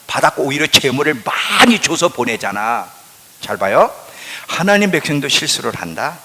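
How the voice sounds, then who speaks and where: A male pastor preaching a sermon, quizzing the congregation and answering himself, swinging between loud emphasis and hushed asides. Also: mid-range voice, big pitch swings, moderate pace, slight background noise. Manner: asks the congregation questions and answers them himself. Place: church sanctuary. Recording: long hall reverb in a church.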